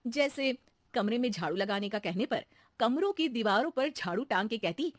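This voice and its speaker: A woman's voice: fairly high pitch, animated, normal speed, no room sound. A woman narrating a scripted children's cartoon story as the storyteller.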